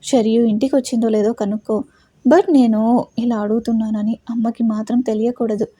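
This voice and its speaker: Lady reading as a possessive young boss guy, shouting orders, husky mellow voice. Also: on the high side, fairly even intonation, normal speed, dry recording. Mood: curt. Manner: shouting, harsh commands.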